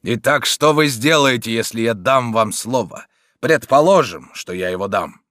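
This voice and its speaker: A man's voice: mid-range voice, animated, normal speed, fairly bright tone, dry recording, clean studio sound, close to an everyday voice. A man reading an audiobook who plays a proud old nobleman, speaking in a grave, haughty manner.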